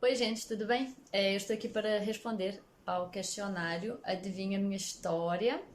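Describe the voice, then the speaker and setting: A woman's voice: medium pitch, steady tone, moderate pace, noisy background. A woman in her late twenties answering interview questions casually, thinking aloud and listing her points. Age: 20s. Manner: thoughtful, listing points with fillers.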